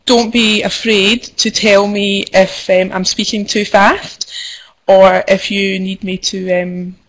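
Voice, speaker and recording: A woman's voice: medium pitch, poor audio. A young adult woman with a Scottish accent, a midwife giving a conference presentation over a web call, friendly and formal with frequent ums. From Scotland. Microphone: computer mic over web conferencing.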